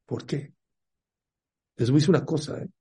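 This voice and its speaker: A man's voice: on the high side, moderate pace, dark tone, breathy edge. A man gives a religious talk, telling stories, asking the listeners questions and acting out the characters' voices. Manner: storytelling, asks the audience questions. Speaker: religious teacher.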